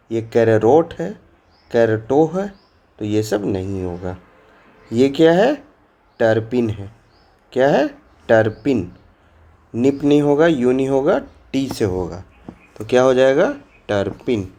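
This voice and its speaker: A man's voice: mid-range voice, mellow. A man teaching an exam-prep lesson to young children, asking questions and then repeating the answers himself.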